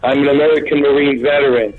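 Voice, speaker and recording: A man's voice: medium pitch, steady tone, fast. A man calling in by phone on speaker, his voice echoing through a second device; he rambles and corrects his own words. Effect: echoing speakerphone call heard through a second device. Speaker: caller. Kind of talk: call-in question on radio. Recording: tinny phone line with echo.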